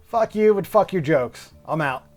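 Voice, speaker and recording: A man's voice: a little high, lively intonation, measured pace. A man voicing a blunt, fed-up dying man who is dismissive.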